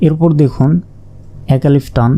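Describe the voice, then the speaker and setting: A man teaching Quran reading, slowly naming and repeating each Arabic letter and explaining how to pronounce it. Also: medium pitch, steady tone, lo-fi sound. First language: Bengali. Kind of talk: slow letter-by-letter pronunciation lesson.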